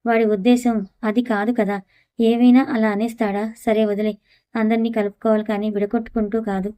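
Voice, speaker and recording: A woman narrating a family audio story, reading every character's lines and the narration in one even voice. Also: a little high, fairly quick, dry recording.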